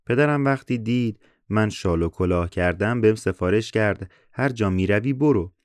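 A man's voice: on the low side, no echo, studio quality, lightly acted. A man voicing a lovestruck young male traveler who pleads his case as a suitor in a folk tale.

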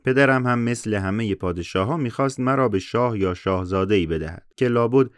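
A man reading a calm, wise princess. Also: fairly low pitch, smooth, no room sound, clean studio sound, lightly acted. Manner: calm, measured, slightly mocking. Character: wise, calm young princess, only daughter of a king.

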